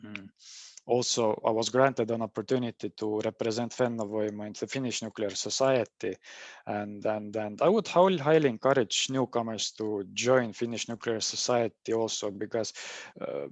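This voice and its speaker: This young man, an Estonian mechanical engineer with a matching accent, speaks at a moderate pace in a rather low voice, captured with no room sound. His webinar talk for a career panel is full of hesitation, with "and, and" whenever he starts a sentence over.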